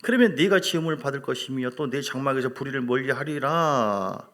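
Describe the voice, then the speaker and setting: A middle-aged male pastor delivers a sermon, telling animated stories with emphasis, acting out quotes, and posing questions to the congregation. His voice is medium in pitch and fairly quick.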